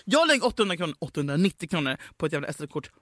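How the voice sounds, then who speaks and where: Young woman co-host, opinionated and ranting, with a bright, expressive voice. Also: low-pitched, no echo, studio quality. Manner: opinionated, ranting in mock outrage. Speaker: podcast co-host. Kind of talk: casual chat.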